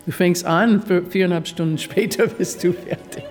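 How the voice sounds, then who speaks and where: A woman opera singer who teaches a master class, speaking enthusiastically in slightly halting sentences. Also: on the low side, in a large hall, music in the background. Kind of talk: interview remarks.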